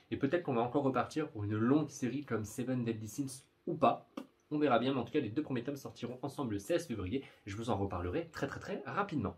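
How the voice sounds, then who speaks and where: A young man chatting casually in a vlog about upcoming manga, rambling and often stumbling over his words. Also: medium pitch. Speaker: manga YouTuber.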